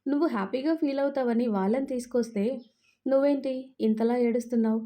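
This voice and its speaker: A man's voice: very high voice, a little fast. A woman doing a reassuring protective young man. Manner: gently teasing, reassuring.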